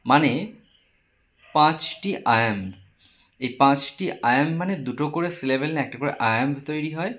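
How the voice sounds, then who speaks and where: A man teaching a class as a Bengali speaker, explaining step by step and slowing down to spell out English terms. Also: a little high, fairly bright tone. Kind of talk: classroom lecture.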